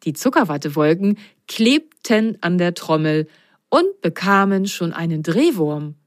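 A woman's voice: fairly low pitch, no room sound. A woman reading a children's story aloud, taking her time over every line. Her voice rises and falls with lots of expression. The sound is close and dry. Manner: slow, expressive.

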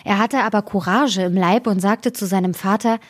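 A woman reading a fairy tale aloud in a calm, measured way as storyteller. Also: medium pitch, no echo, studio quality.

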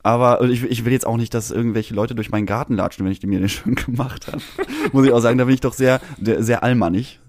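A man's voice: medium pitch, fairly even intonation, fast, darkish tone, dry recording, studio quality. A man from Germany co-hosting a casual podcast chat, wry and joking with vivid comparisons. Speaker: podcast co-host.

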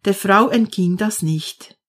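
Slow, calm woman storyteller. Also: mid-range voice. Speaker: narrator. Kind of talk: storybook reading.

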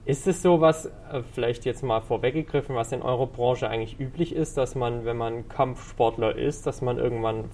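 A man's voice: mid-range voice, normal speed, hardly any pauses, warm tone, slight background noise. A man hosting a fitness podcast, asking his guest questions in a friendly manner with frequent filler sounds. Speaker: podcast host. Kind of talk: casual interview hosting.

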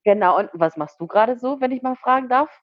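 A woman's voice: a little high, animated, fast talker, no room sound, dull audio. A woman co-hosting a podcast over a video call, chatty and giggly, teasing her co-host.

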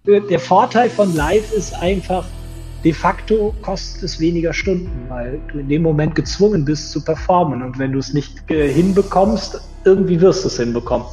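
A man with a fairly high voice, heard on a low-quality home-office recording. His voice booms with strong echo and a long reverb tail, and the sound is muffled and lo-fi. He explains at length as an interview guest, often pausing on filler sounds. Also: warm tone, faint music behind. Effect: low-quality home-office recording with heavy room reverb and no proper mic. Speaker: interview guest, event entrepreneur. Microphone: unsuitable microphone. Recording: echoey lo-fi reverberant room.

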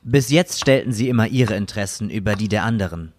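A man voicing a cold, sinister male game master villain with solemn, measured pronouncements. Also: lowish voice, expressive, slight background noise, close to an everyday voice. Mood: menacing. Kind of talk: scripted villain narration.

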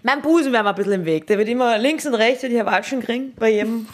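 A young woman with an Austrian accent, co-hosting a podcast in casual chat, talking fast and laughing often. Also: on the high side. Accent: Austrian German. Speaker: podcast co-host.

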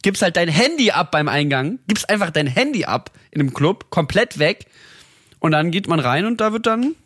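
High-voiced man chatting animatedly. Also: moderate pace, husky, dry recording, studio quality. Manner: animated, rambling storytelling with frequent laughs. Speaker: podcast co-host. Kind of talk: casual chat.

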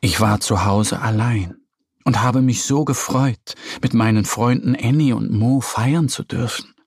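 A man's voice: mid-range voice, a little slow, gravelly, darkish tone, breathy edge, dry recording, clean studio sound. A man voicing a friendly, curious little moon man in a children's story. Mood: gentle.

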